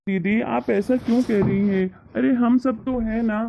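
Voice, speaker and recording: An earnest young brother, as a woman puts him on in a cartoon moral story, gently reassuring his sister. The voice is pushed far below the performer's own, with a gravelly edge. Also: on the high side, steady tone, moderate pace, a little hiss or hum, pitched below the performer's own voice.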